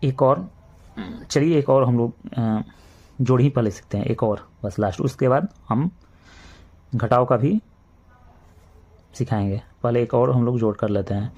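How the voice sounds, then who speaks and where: A male maths teacher with a Bihari Hindi accent walks children through sums one step at a time. His voice sits at an ordinary middle pitch, and he repeats key points patiently. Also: a little mellow, highs cut off. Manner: slow, repetitive step-by-step explaining, addresses children. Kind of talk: classroom maths lesson.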